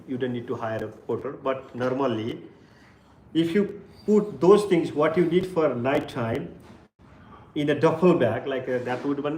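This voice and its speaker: A man's voice: mid-range voice, darkish tone. Guy briefing his tour group, earnest and repetitive, echoey room w faint hum. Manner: earnest, repeats "like this kind of things". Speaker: tour leader.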